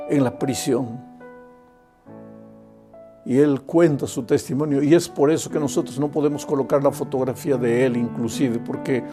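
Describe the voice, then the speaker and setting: An older male preacher delivering an earnest evangelistic sermon, speaking directly to the listener. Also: medium pitch. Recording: faint music underneath.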